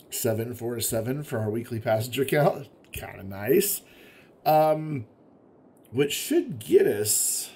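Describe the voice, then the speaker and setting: This gaming video host has the hiccups as he plays a city-building game, offering casual, chatty commentary, thinking aloud and sometimes grumbling at the game. His mid-range voice is a little mellow, with slight background noise.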